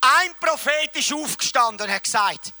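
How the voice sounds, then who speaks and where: Man, preacher, sermon storytelling, very high voice, dramatic swings from loud to hushed. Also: animated, normal speed.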